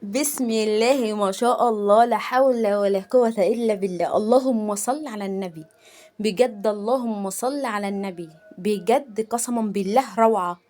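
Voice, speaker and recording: A young woman with an Egyptian accent, chatting excitedly in a casual unboxing vlog, gushing and rambling, filmed on a handheld phone. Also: medium pitch, moderate pace, soft background music. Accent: Egyptian Arabic. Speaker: vlogger. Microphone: phone held in hand.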